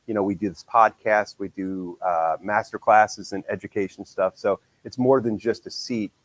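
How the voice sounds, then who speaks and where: A man's voice: on the low side, fairly even intonation, moderate pace, dry recording, rough recording. Nasal man hosting a podcast. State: nasal from a cold. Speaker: podcast host. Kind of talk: casual podcast chat.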